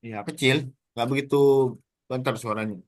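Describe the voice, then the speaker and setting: A man moderating a formal online thesis exam, orderly and steady, pausing with "eh" now and then. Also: mid-range voice, dry recording. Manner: orderly, formal, with frequent "eh" pauses. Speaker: thesis examiner. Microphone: video call.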